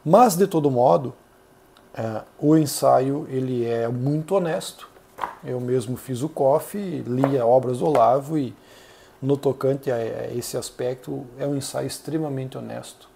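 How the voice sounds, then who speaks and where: A Brazilian man hosting a channel, giving earnest, measured solo commentary with frequent hesitations. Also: mid-range voice, creaky, background noise. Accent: Brazilian Portuguese. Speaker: channel host reviewing an essay.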